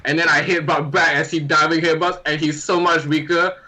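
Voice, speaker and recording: A man's voice: fairly high pitch, level tone, a little fast, sharp tone, low-quality recording. A man playing a wrestler in a tabletop game, describing his moves eagerly and playfully. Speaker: player.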